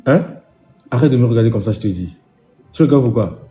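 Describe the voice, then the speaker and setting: A man's voice: medium pitch, animated, brisk, mellow, faint music behind. A man talking to camera in a casual vlog, scolding with indignant repetition. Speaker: vlogger.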